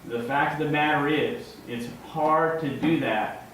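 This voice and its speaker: A man giving an informal, conversational sermon as a lay preacher, in a halting way with repeated words and checking tags. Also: a little high, steady tone, a bit bright. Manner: ends points with checking tags like "right?" and "okay?". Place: large echoing indoor room, before a congregation. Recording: very echoey room, distant mic, faint noise.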